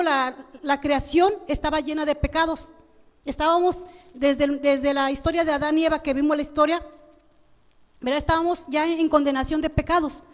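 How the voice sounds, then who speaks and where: Mexican lady pastor preaching, high voice, lots of restarts, long church hall echo. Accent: Mexican Spanish. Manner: repeats "hermanos" often, with frequent restarts. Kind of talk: sermon.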